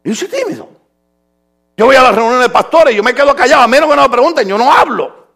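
A man preaching a sermon as pastor, with humor, his voice swinging from loud outbursts to quiet asides. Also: very high-pitched, quick pace, gravelly.

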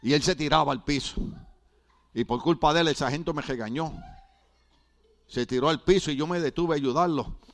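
A man's voice: on the high side, normal speed, pauses often. A middle-aged man preaching a sermon as a pastor, acting out quoted dialogue and asking the congregation questions. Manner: asks the congregation questions, call and response.

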